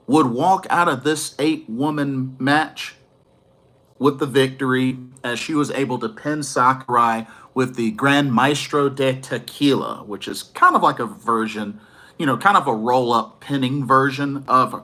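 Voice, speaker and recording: A man talking through a wrestling event in a casual, upbeat way, his pitch swinging up and down all the time. His voice is bright and forward, and he often restarts a sentence to fix himself. He sounds like a fan chatting to his viewers. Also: lively intonation, measured pace. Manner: enthusiastic, rambling with self-corrections. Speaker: wrestling reviewer. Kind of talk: casual video review.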